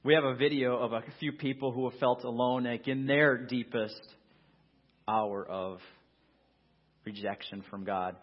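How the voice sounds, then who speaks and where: An earnest male pastor delivers a sermon in a husky voice. He swings between loud, emphatic lines and hushed, quiet ones. The recording sounds muffled. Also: medium pitch, steady tone, a little slow.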